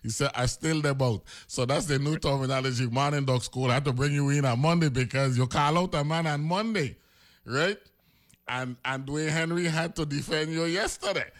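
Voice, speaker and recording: A man hosting a political talk radio show, animated and rambling with many fillers. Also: on the high side, fairly quick.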